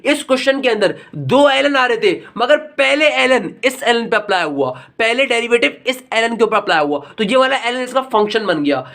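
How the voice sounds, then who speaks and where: A man giving a recorded maths lecture, talking to his students in a fatherly, lecturing way and slowing down to read out formulas. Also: very high-pitched, lively intonation, gravelly, a bit bright. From Pakistan. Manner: slows right down when reading out formulas. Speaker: maths teacher.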